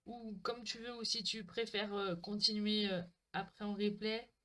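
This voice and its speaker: A woman in her home crafting livestream speaks at an unhurried pace in a level, bright, forceful mid-range voice. Using a desk mic, she chats away to viewers by name and laughs at herself when things go wrong.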